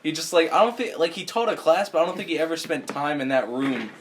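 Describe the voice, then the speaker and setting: Slightly high-voiced teenage boy. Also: animated, fast talker, slight background noise. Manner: chatty storyteller, mimics others' voices. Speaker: podcast co-host. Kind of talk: casual chat.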